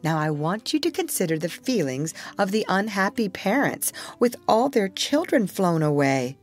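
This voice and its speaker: A woman voicing a young girl who tells a bedtime story to a crowd of boys in a gentle, motherly tone. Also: medium pitch, sing-song, normal speed, voice pushed up. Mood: storytelling.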